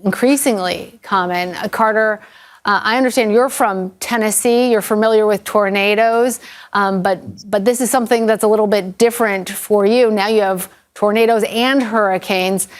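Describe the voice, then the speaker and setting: A woman news anchor with a medium-pitched voice conducts a live interview. Her delivery is that of a television interviewer putting questions to guests. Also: fairly even intonation, normal speed.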